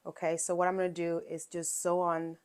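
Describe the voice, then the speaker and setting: Low-voiced woman chatting through a sewing tutorial. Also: completely flat delivery, a little fast, clean tone. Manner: chatty step-by-step explaining with fillers. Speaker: quilting channel host.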